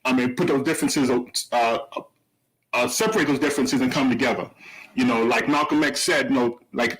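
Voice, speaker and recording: A man's voice: medium pitch, fairly bright tone, poor audio. A man co-hosting a radio talk show, speaking reflectively and explaining his points with analogies and many fillers. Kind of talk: casual radio discussion.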